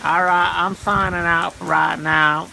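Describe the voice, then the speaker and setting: A man's voice: fairly high pitch, flat delivery, a little slow, gravelly, sharp tone. A man giving a folksy, easygoing video update outdoors in rain and wind. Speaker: amateur storm vlogger. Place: outdoors in a storm.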